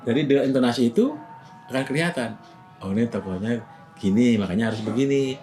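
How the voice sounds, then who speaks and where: A man's voice: medium pitch, fast, darkish tone, faint music behind. A man casually explaining acting methods, often breaking into short acted example lines. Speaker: acting teacher.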